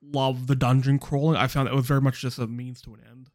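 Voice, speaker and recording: A man co-hosting a casual gaming podcast, sharing his opinions in an animated way. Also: medium pitch, fast talker. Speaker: podcast co-host. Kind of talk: casual chat.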